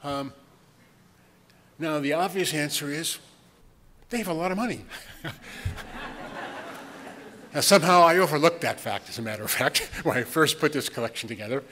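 A man's voice: on the high side, moderate pace, pauses often, sharp tone. Older man giving a keynote in a hall. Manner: conversational, chuckling asides, frequent ums. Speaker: keynote speaker. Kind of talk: conference keynote lecture. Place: large conference hall with audience. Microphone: podium microphone. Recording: long hall reverb, faint room noise.

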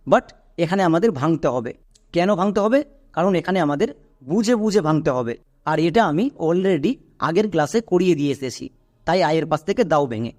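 High-voiced man teaching step by step. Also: darkish tone. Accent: Bengali. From Bangladesh or West Bengal. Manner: step-by-step, talks directly to the learner. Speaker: English teacher. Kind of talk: classroom-style lesson.

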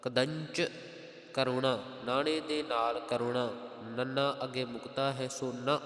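A Punjabi-accented man leads a scripture pronunciation lesson, chanting lines in a drawn-out voice before breaking down each letter and vowel sign. His pace is very unhurried. The voice rings in a roomy space with a long reverb tail. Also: mid-range voice, fairly even intonation, a bit bright. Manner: slow, methodical, chants each verse then explains spelling. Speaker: Gurbani recitation teacher.

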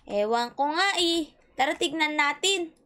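A woman's voice: high-pitched, unhurried. A woman, cheerfully commenting while playing a game with friends. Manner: excitable, cheery, giggly. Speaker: gaming channel host.

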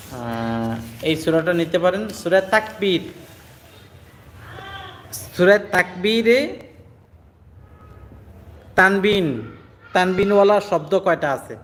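A man leads a Quran reading lesson, his voice sitting a little high. He talks patiently and repeats each Arabic letter sound slowly for his students. Faint background noise sits under the recording. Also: a bit bright. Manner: patient, repetitive, drills letter sounds aloud. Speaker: Quran teacher. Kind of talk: online Quran reading class.

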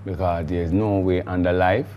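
Deep Jamaican man, rambling studio guest. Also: flat delivery, moderate pace, dark tone, slight background noise. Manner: rambling, emphatic with patois phrasing. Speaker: guest, recording artiste. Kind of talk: studio interview.

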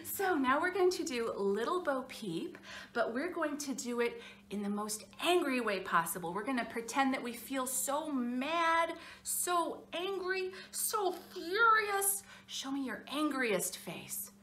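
Animated woman librarian reading to kids. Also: high voice, moderate pace, roomy sound, a little hiss or hum. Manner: animated and expressive, talking to small children. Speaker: children's librarian. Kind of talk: children's storytime.

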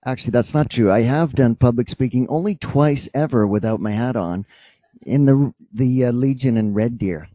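A man's voice: medium pitch, normal speed, warm tone, no echo. A man giving a short impromptu answer at a club meeting, rambling and joking at his own expense. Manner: rambling, self-joking, hesitant. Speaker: club member answering a question. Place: cafe meeting room.

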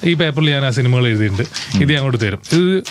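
A man from Kerala, speaking with a Keralite Malayalam accent, hosting a radio interview in an upbeat, brisk way and laughing often. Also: mid-range voice, lively intonation, noisy background. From Kerala, India. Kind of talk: casual radio interview with rapid-fire questions.

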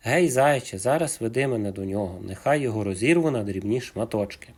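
A man voicing a huge, furious, hungry male bear who roars out threats in a husky voice. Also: fairly low pitch, lively intonation, brisk. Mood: roaring angry. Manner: roaring, shouting threats.

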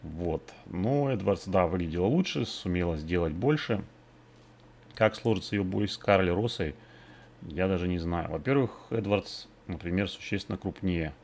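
Low-voiced man musing over fights. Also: vocal fry, darkish tone, slight background noise. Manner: hesitant, thinking aloud with many fillers. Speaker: MMA betting podcast host. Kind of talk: casual spoken fight preview.

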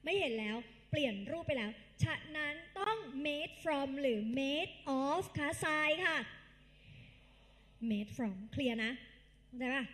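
A woman's voice: high-pitched, lively intonation, takes it slowly, a bit bright. A woman tutor giving a live exam-prep English lecture, quizzing the class in call-and-response and calling the students kids. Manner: calls the students kids and dear. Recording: long hall reverb.

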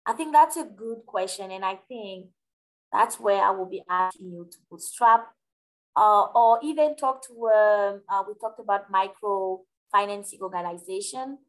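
The presenter of this live video-call webinar is a native French speaker with a French accent. She fields questions in a friendly, explanatory way, hesitating and filling pauses often. Her voice is medium-pitched at a moderate pace, and the webcam recording is rough.

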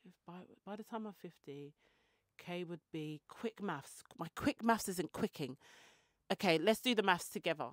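A woman in her forties hosts a podcast with a lowish, expressive voice at normal speed. Chatting casually into a close handheld mic, she strays into tangents and jokes at her own expense, in a small indoor room with shelves and clothes rails. The sound is clean studio quality, free of room sound.

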